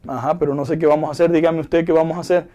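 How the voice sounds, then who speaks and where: A man's voice: on the high side, steady tone, racing, dark tone, close to an everyday voice. A Venezuelan-accented man voicing a corrupt male traffic cop who hints at a bribe in an evasive, offhand way.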